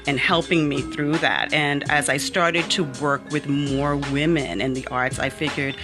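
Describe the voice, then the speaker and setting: An author who was born in Miami and grew up in the Bahamas talks as a guest in a personal interview, with music playing behind her. Her voice is low and steady, her pace a little slow, and she comes across as sincere and thoughtful, with many ums.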